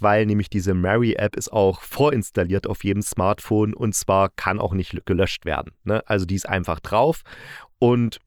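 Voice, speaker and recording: In a dry, studio-quality recording, a lowish-voiced man hosts a review of audio dramas. He retells the stories in a relaxed, colloquial way and doesn't hold back his opinions.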